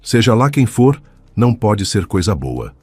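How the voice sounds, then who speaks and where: A man voicing a gruff, distrustful farmhand with a grave, blunt way of speaking. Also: on the low side, sing-song, unhurried, a little mellow, no echo, soft background music, pitched above the performer's own voice, heavily acted. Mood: warning.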